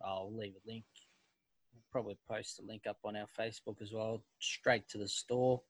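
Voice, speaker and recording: A man's voice: fairly low pitch, steady tone, normal speed, dry recording. An Australian man hosting a casual club podcast, laid-back and calling people mate. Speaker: podcast host.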